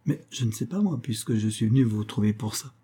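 A man's voice: on the low side, lively intonation, brisk, dark tone, husky. A man reading aloud and voicing a timid young man who speaks in a hesitant, apologetic way.

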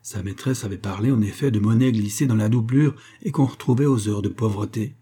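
A man reads a classic novel as an audiobook, his voice low-pitched and dark. The tone is husky, and the narration is measured and expressive. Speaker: reader of a novel.

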